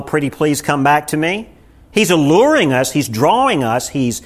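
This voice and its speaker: Leading a small church-room Bible study, this pastor speaks in a fairly bright, higher-pitched male voice. His sermon feels like a conversation, peppered with frequent rhetorical questions to the room.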